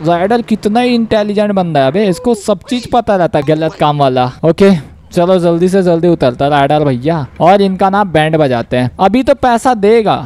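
A young man giving casual, joking gameplay commentary, excitable and trash-talking the characters on screen. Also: a little high.

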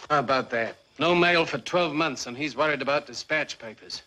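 An actor playing a joking, easygoing soldier prisoner in a film. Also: male voice, fairly high pitch, normal speed, noisy background, natural voice. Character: cheeky male soldier prisoner, wisecracking.

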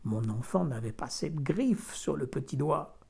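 Guy doing a distressed farm wife in a fairy tale, high and pleading, a bit gravelly. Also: animated, a little fast, darkish tone, full character voice. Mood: anguished.

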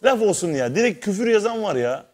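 A man's voice: high voice, very animated, brisk. A man chatting on a talk show, animatedly telling stories and acting out the messages he gets. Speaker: comedian guest. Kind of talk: casual talk-show chat.

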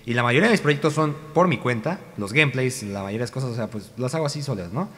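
A man's voice: mid-range voice, expressive, quick pace, a bit bright, in a large hall. A young man with a Mexican Spanish accent, an amateur voice actor rambling in a casual, self-correcting vlog chat on a cheap home microphone.

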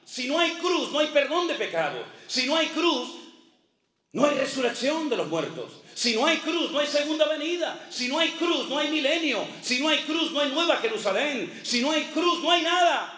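High, bright preaching man in a hall. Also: very animated, moderate pace, far from the mic. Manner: impassioned preaching with repetition and shouted praise. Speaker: pastor. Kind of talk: sermon.

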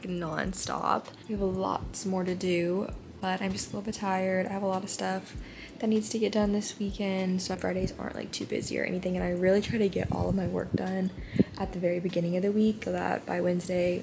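A young American woman talks casually in a chatty vlog style at a medium pitch. She leans on "like" as she goes, with heavy background noise. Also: gravelly. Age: young adult. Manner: chatty, uses "like" often. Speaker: vlogger, college student. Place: indoor rooms at home. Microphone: camera at arm's length or close by.

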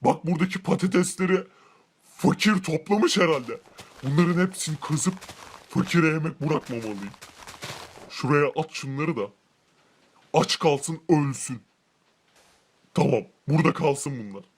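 A man playing an arrogant rich man in a Minecraft role-play, who boasts about his wealth, gloats, and shouts cruel threats. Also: a little high, a little slow, pauses often, slight background noise. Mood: smug gloating.

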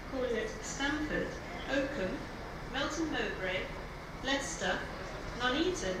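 Female station announcer, slow and formal train station announcement, distant over noisy ambience. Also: on the high side. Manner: formal, segmented announcement delivery. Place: train station, over public address speakers. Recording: echoey distant station tannoy with loud ambience.

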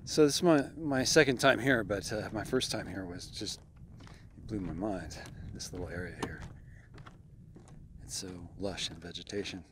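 Male hiking vlogger, lowish voice, relaxed and chatty, camera mic outdoors. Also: moderate pace, heavy background noise. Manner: relaxed, chatty, addresses viewers. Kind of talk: casual hiking narration. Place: outdoors on a desert boardwalk trail.

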